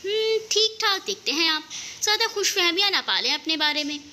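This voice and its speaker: A woman's voice: extremely high pitch, lively intonation, a little fast, pushed and bright, slight background noise, full character voice. A woman playing a witty young woman. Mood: teasing. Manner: witty, teasing.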